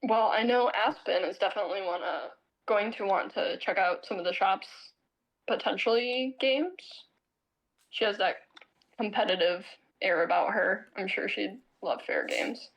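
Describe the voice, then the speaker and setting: A woman's voice: medium pitch, normal speed, low-quality recording. A woman playing in a tabletop game, easygoing and friendly. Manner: easygoing and friendly, frequent mm-hmms. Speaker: tabletop player. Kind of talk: casual tabletop role-play.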